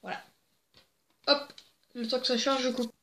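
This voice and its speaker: A woman's voice: high-pitched, fairly even intonation, a little slow, pushed and bright. A young woman casually reading jokes to camera, giggly and rambling with crude asides, on a desk microphone. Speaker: joke-telling video host. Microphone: plugged-in desk microphone. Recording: echoey room.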